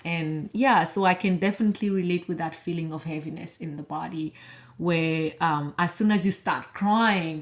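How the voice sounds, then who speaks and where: A woman with a slightly low voice speaking in a casual podcast chat. She feels her way through her sentences, restarting and searching for the right words as she asks questions. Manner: searching, halting phrasing with many restarts. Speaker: podcast conversation partner.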